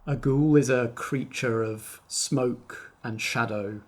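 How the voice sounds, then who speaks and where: A man acting as game master narrates a tabletop roleplaying game, describing scenes in a measured storytelling style. His voice sits in the mid range, and faint music plays in the background.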